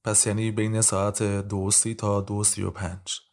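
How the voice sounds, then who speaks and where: A man voicing a stern, impatient male judge who questions in brisk, curt sentences. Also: fairly low pitch, level tone, a little mellow, natural voice.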